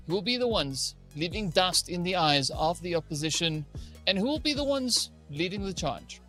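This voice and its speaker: A man's voice: sits high, sharp tone. A man co-casting an esports match, talking at length and often adding "right?" to his points. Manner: wordy, fills with "right?" and "like". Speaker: esports caster. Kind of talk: esports color commentary.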